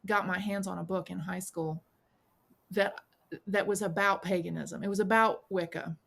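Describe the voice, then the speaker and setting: A woman in her forties talks through a long personal story in a relaxed interview. She tells it with energy and gives the people she quotes their own voices, with big jumps in pitch. Her own voice sits at a middle pitch. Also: moderate pace, creaky. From South Carolina, US. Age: 40s. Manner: animated storyteller who acts out quoted voices. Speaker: podcast guest, witch and priestess.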